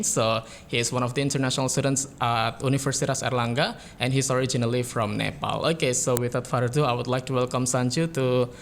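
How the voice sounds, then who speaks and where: A man's voice: mid-range voice, fairly bright tone, a little hiss or hum. A man hosting a university podcast, talking casually with lots of "you know" and "like". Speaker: podcast host. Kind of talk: podcast interview.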